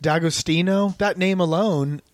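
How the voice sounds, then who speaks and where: Male podcast co-host, higher voice, dry close mic, rambling casual storyteller. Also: unhurried, no echo. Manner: rambling, animated storytelling with many fillers.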